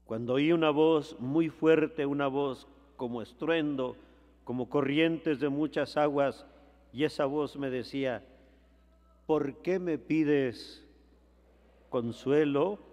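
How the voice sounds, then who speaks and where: Slow-preaching man in an echoing hall. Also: mid-range voice, steady tone. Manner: preaching with repeated calls of "hermano" and rhetorical questions; slow, drawn-out phrasing that swells louder at climaxes. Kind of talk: sermon.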